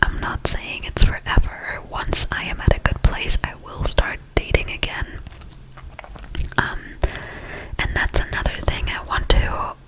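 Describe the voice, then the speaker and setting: An ASMR creator rambling casually in a soft, breathy whisper, very close to a sensitive ear-to-ear microphone. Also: poor audio. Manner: slow, soft, hesitant rambling delivery. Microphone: close, highly sensitive ear-to-ear stereo microphone.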